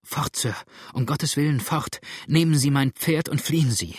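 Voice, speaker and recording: A man's voice: a little high, a little slow, fairly bright tone, breathy edge, no room sound, studio quality, voice pushed up. A man voicing a frightened young woman who pleads in breathless, urgent bursts, in an audiobook reading. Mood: frantic pleading.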